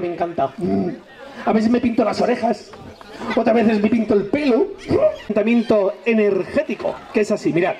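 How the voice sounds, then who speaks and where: A man performs as a children's magician, teasing and joking with a lively, swooping voice. A crowd of children chatters around him throughout the show. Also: sits high. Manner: playful, teasing, exaggerated exclamations. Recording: outdoor event with crowd of children.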